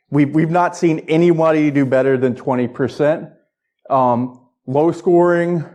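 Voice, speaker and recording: A man's voice: medium pitch, a little mellow. A man presenting an informal technical lightning talk to an audience as a conference speaker, in a conversational way that checks in with listeners. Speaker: conference speaker, security research director.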